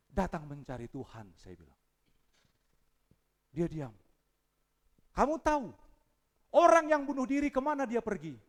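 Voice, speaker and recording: A male pastor preaching a sermon, shifting from hushed storytelling to loud, fervent appeals. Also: medium pitch.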